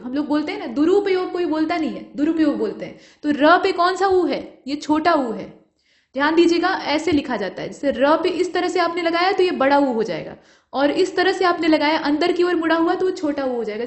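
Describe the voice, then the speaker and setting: A woman teacher with a high, clear voice walks through exam answers one by one, patient and explanatory. She keeps stopping to ask her students rhetorical questions. Her voice rings a little in a roomy, echoing space. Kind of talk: exam-prep grammar lesson.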